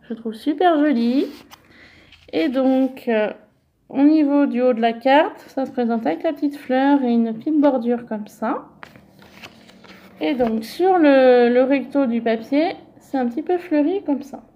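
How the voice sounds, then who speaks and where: A woman vlogger chatting casually as she shows off crafting mail she received. She talks gently and often fills with little connecting words. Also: sits high, measured pace, dull audio.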